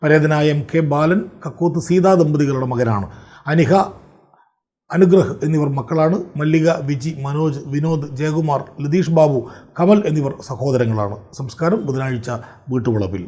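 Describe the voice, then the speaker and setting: A man reading the news in a formal, steady way. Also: on the high side, moderate pace. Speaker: news presenter.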